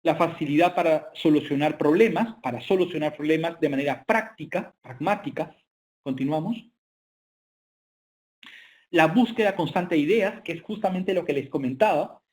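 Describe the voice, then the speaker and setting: Male lecturer with a slightly high voice, halting delivery full of filler sounds, presenting slides online. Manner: hesitant, frequent filler sounds.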